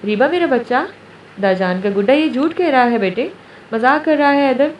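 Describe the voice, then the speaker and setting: A man's voice: extremely high pitch, expressive. A woman reading a doting, coaxing man. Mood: soothing. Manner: coaxing, affectionate. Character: doting protective man, soothing a girl. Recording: roomy, distant, dull, faint hiss.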